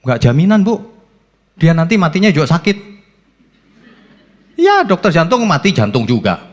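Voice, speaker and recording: A man preaching a sermon as pastor, animated, asking rhetorical questions and acting out quotes. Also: on the high side, normal speed. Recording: long church reverb.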